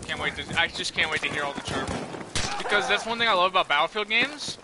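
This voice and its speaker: An excitable man gives casual, rambling commentary while he plays, swearing freely. His voice sits a little high for a man. Loud gunfire and engines roar behind him. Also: fast talker. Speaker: gamer. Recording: loud game audio behind voice. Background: gunfire and engine noise.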